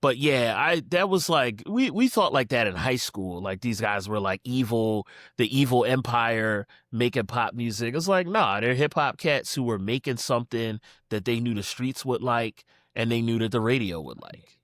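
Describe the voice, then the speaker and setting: A man's voice: medium pitch, normal speed, no room sound. Laid-back Philadelphia man, dry sound. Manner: relaxed, lots of fillers, acts out quotes. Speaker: guest. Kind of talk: casual conversation.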